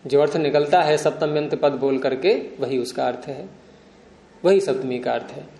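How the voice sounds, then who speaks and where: Male grammar teacher, slightly high voice, patient explainer who quizzes his class; echoey room. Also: moderate pace, vocal fry, dark tone. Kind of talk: classroom lecture with questions to students.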